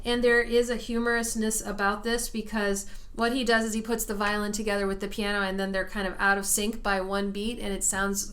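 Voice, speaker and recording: A woman's voice: medium pitch, a bit bright. A woman piano teacher giving a practice tutorial, explaining patiently and step by step while seated at the piano. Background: piano playing.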